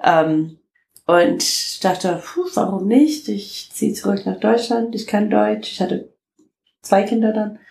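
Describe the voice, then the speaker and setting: A woman in her fifties from the United States with an American accent, telling her story in a relaxed interview and pausing often to search for words. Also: medium pitch, creaky, echoey room, rough recording. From United States (Detroit). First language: English. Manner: halting, many fillers, laughs often. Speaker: interview guest. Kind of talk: casual interview talk.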